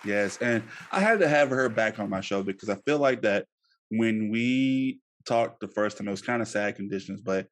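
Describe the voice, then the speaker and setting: A man with a fairly low voice hosts a podcast interview. He talks loosely and chattily, full of "like" and "uh", and turns upbeat when he gives his sign-off plugs. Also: animated, normal speed. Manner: loose and chatty, many fillers and restarts. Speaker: podcast host.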